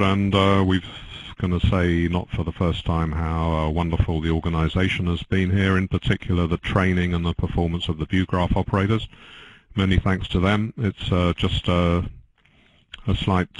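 An older man commentating on a bridge match, dry and joking, halting with many fillers. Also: low-pitched, no echo, rough recording.

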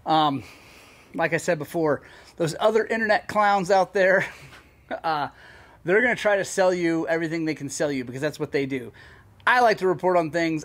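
Casual man talking through a dirt bike. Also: on the high side. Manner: casual, hesitant, lots of fillers. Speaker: mechanic and channel host. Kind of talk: casual product walkaround.

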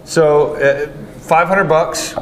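A man's voice: on the high side, fairly even intonation, slow. Male host, upbeat and rambling, talking gear over a noisy backdrop. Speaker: store show host. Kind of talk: casual product chat. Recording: noisy store recording.

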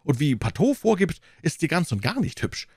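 Anxious storybook innkeeper, pleading, high-pitched, as a male narrator does him. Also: very animated, normal speed, darkish tone, breathy edge, no room sound, studio quality, full character voice. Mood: fretful. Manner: pleading, fretful. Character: anxious, fussy male innkeeper owed money.

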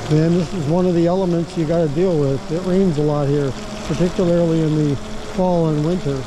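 A man's voice: a little high, steady tone, fairly quick. A man, casually narrating while riding an ebike outdoors in the rain, talking in an easygoing, rambling way with fillers. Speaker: ebike vlogger. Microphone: helmet or body-mounted action camera. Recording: noisy outdoor ride with road and traffic. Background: road and traffic noise.

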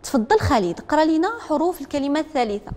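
Brisk Moroccan woman teaching a class. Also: high voice, lively intonation, a little mellow. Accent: Moroccan Arabic. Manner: brisk, drills pupils with call-and-repeat. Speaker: literacy teacher. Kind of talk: classroom lesson. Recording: echoey classroom with long reverb.

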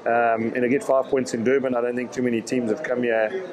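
A man, answering reporters' questions at a post-match press conference in a measured way, often repeating words as he thinks. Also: mid-range voice, level tone, a little mellow, a little hiss or hum, poor audio. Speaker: rugby director of rugby.

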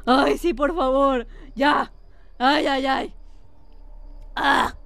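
A young Mexican-accented woman streams a game with high-pitched, bright, piercing energy. She talks dramatically and panics easily, often yelling at the screen. Her commentary is casual and theatrical. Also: fairly even intonation, extremely slow, creaky, no room sound. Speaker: gaming streamer. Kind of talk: live gameplay commentary.

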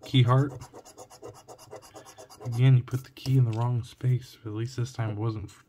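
Reading every symbol aloud as he scratches tickets late at night at home, a young Oregonian who hosts a scratch-ticket channel sounds tired, his voice cracking. The delivery is flat but warm, at medium pitch and normal speed, in Oregon US English, with a little hiss or hum. Recorded by a phone or camera looking down at the table, with coin scratching and clicks behind him.

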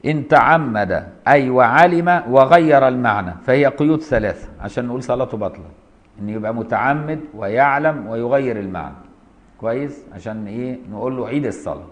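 A man with an Egyptian accent teaching a classical legal text, reading it aloud and explaining it in colloquial speech, slowly sounding out example words. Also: medium pitch. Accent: Egyptian Arabic. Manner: reads classical text, then explains in colloquial dialect, voicing pronunciations slowly. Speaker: Islamic jurisprudence teacher.

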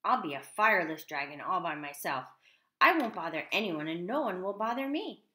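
A small boy dragon from a picture book, read by a woman, earnest and a little forlorn. The voice is clear in tone and bright, with an echo from the room. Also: on the low side, expressive, moderate pace. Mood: resigned.

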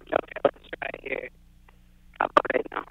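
A man's voice: brisk, noisy background. A man in casual chat as a guest, his call glitching and breaking up over a phone line. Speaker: glassblower guest.

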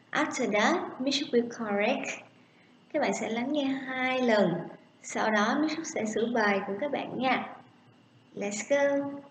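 A young woman teacher with a Vietnamese accent, drilling children slowly and clearly in an online English lesson on webcam. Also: high voice, echoey room, a little hiss or hum, low-quality recording. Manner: slow, clear, encouraging drilling.

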